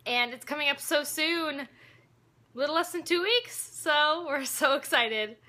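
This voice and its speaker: A woman's voice: high-pitched, lively intonation, unhurried, bright, forceful tone. A young woman in a casual vlog, bubbly and enthusiastic, laughing often as she talks. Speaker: vlogger and ensemble cast member.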